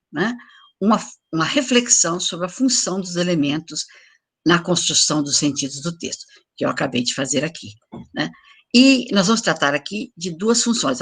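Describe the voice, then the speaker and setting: Over a video call, an older woman with a lowish, slightly breathy voice lectures online to teachers. She walks through examples and asks for the next slide.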